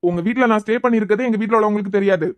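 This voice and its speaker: A woman's voice: mid-range voice, racing, no echo, lightly acted. A woman voicing a sarcastic, teasing young man. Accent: Kanyakumari Tamil. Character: cheeky young man, teasing injured patient.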